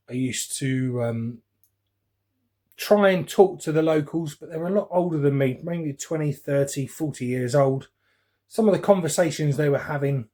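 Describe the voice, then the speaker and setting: A hobbyist vlogger in his forties from West London chats casually while unboxing, reminiscing in a loose, rambling way. He has a London English accent and a voice on the high side with a darkish tone.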